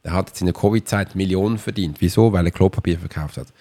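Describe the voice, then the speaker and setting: In a casual motivational monologue, a podcast host and coach speaks directly to his listener in a chatty, wandering way. He has a deep, warm voice and talks fast.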